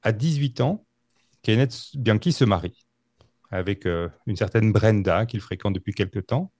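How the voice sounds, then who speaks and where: A man telling a true-crime story on a podcast, halting with many fillers and restarts. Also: lowish voice, a little mellow, no room sound, clean studio sound. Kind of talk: casual storytelling.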